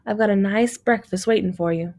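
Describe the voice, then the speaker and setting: A woman's voice: mid-range voice, brisk, a little mellow, close to an everyday voice. A woman reading aloud, voicing a kind motherly woman in a children's storybook. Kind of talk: audiobook reading.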